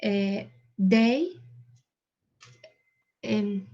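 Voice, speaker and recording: Soft hesitant female student, dull call. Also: mid-range voice, drawn-out words. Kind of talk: answering in an online class.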